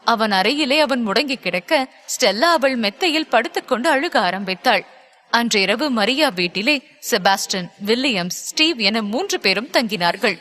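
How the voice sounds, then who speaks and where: A woman narrating a dramatic audiobook in a measured, scripted way. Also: on the high side, expressive, sharp tone, in a large hall.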